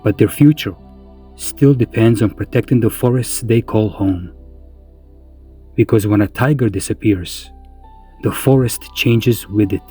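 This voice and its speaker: Husky, dark-voiced male documentary narrator. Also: on the low side, unhurried, long pauses, soft background music. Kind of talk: scripted wildlife documentary narration.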